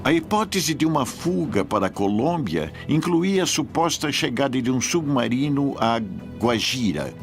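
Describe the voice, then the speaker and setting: A man's voice: medium pitch, lively intonation, normal speed, close to an everyday voice. A man giving dubbed interview commentary for a documentary. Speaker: voice-over dubber of an expert interviewee. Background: faint music.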